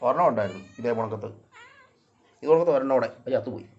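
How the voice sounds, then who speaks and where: A man filming a casual vlog, talking to his cats, coaxing them and now and then scolding them in loud, high calls. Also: animated, fast, lo-fi sound. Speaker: vlogger. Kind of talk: casual vlog talk to camera and pets.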